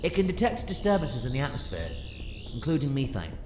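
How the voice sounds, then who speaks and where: A man's voice: medium pitch, huge pitch swings, fairly quick, darkish tone, slight background noise. A man playing an eccentric, scatterbrained alien time traveller in an audio drama, rambling and hesitating theatrically. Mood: curious, breezy. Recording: roomy sound with music behind.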